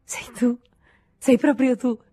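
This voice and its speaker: A woman's voice: deep voice, fairly quick, dark tone, breathy edge, dry recording, studio quality. A woman voicing an anxious, clinging woman who talks to her lover in an earnest, pleading way in an audiobook reading.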